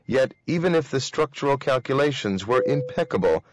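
A man reading a novel aloud in a steady, measured way. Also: medium pitch. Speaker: reader.

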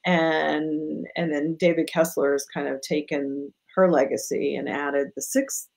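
A woman guest speaking over a video call, her voice low for a woman. She explains her subject calmly and informatively, in an easy conversational tone. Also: a little slow, gravelly, low-quality recording. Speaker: guest, grief counselor. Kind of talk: casual conversational interview.

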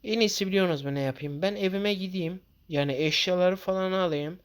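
A man giving casual gameplay commentary to his viewers, jittery and quick to swear in sudden loud outbursts. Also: high-pitched. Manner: talks straight to viewers as "guys". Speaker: gaming channel host.

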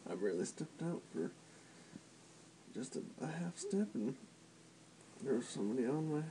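Man, mellow voice, sleep talking in disjointed repeated bursts, slightly noisy recording. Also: on the high side, very animated, normal speed. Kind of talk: unconscious sleep talk. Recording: noisy home recording with clicks.

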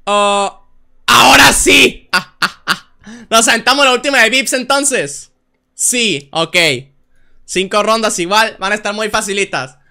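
A young man, streaming a drawing game in a bright, high voice that is very clear and forward. He talks casually and teasingly and shouts the answers with excitement. Keyboard typing can be heard faintly in the background. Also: unhurried. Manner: playful, teasing, shouts guesses.

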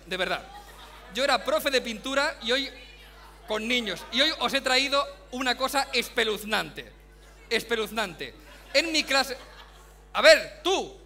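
A man doing a stand-up comedy monologue, loud and mocking with sudden shouts. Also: very high voice.

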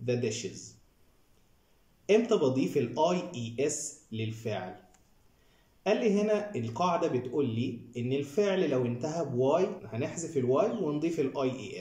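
Egyptian guy teaching english grammar, walks you through every rule, average pitch, kinda echoey room. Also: a little mellow. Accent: Egyptian Arabic. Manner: explains step by step, addressing viewers directly. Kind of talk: grammar lesson.

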